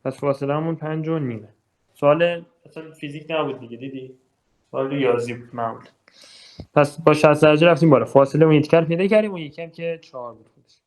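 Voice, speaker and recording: A young man with a Persian accent walks students through exam problems in a loose, conversational lesson. His voice sits a little high for a man, and he thinks aloud, filling pauses and checking that his listeners are following. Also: darkish tone. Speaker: physics tutor. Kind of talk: casual exam walkthrough lesson.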